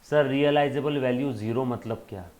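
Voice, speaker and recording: A man's voice: medium pitch, moderate pace, a little mellow, natural voice. A man voicing a curious young student who keeps asking his teacher eager follow-up questions.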